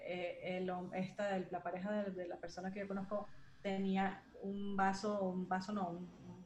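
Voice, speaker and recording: A woman's voice: mid-range voice, a little hiss or hum. Chatty young woman in an echoey room. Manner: chatty, many fillers, slangy. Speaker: storyteller. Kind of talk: casual chat, telling a paranormal story.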